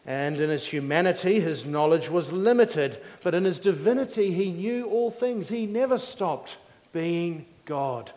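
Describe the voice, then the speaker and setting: Higher-voiced male preacher in an echoing hall. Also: lively intonation, a little mellow. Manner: measured, didactic, explaining simply in short phrases. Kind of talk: teaching sermon. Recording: long hall reverb.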